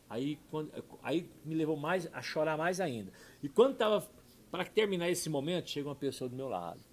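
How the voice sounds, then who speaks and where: A middle-aged man, a pastor telling a heartfelt personal testimony, dropping soft and low then rising loud and excited. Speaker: pastor and podcast guest.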